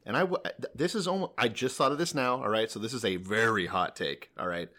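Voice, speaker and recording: A man's voice: on the low side, a little fast, pushed and bright. A man chatting casually as a comedy podcast co-host, teasing and swearing freely. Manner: profane, teasing.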